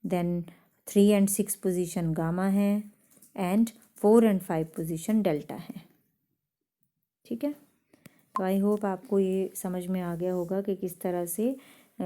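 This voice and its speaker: In a classroom chemistry lecture, a woman with a mid-range, dark-toned voice works through the material step by step, frequently making sure her students follow.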